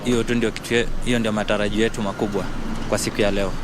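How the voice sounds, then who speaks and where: A man's voice: fairly low pitch, flat delivery, quick pace, noisy background. A man with a Kenyan accent answering in an outdoor street interview. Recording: loud music on outdoor street.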